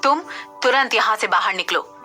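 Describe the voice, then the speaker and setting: An arrogant, rude young man from an audio drama, bossing people around with open contempt, as a woman narrator voices him. The voice sits at a middle pitch. Music plays clearly behind the voice. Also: normal speed, natural voice. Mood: contemptuous. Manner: contemptuous, bossy.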